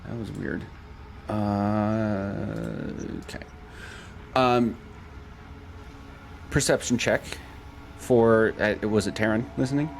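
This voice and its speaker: A man narrating a tabletop roleplaying game as game master, in a halting way. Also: on the low side, fairly even intonation, creaky, a little hiss or hum.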